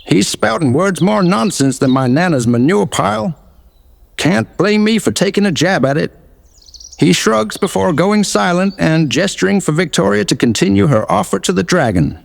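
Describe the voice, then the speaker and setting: A man with a high, lively and creaky voice plays in a tabletop game replay. He reads narration and character lines in a reverberant space. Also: normal speed. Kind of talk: scripted narration and character dialogue.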